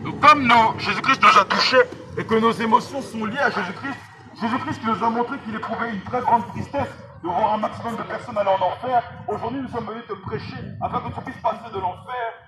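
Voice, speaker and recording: Out on a busy street with vehicles audible behind him, a man preaches with fervor, his high-pitched voice amplified by a megaphone. The street evangelist keeps a brisk pace, emphatically repeating key lines and calling out directly to passers-by.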